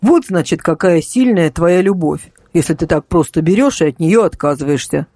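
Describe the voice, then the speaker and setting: A woman's voice: fairly low pitch, expressive, normal speed, mellow, no room sound, clean studio sound. A woman voicing a young man, a manipulative ex-boyfriend who pleads and then snarls threats in an audiobook. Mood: wheedling.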